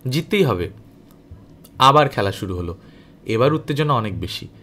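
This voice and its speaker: Reading a novel aloud at a normal speed, this male audiobook narrator uses a mid-range voice. His delivery is dramatic and full of expression.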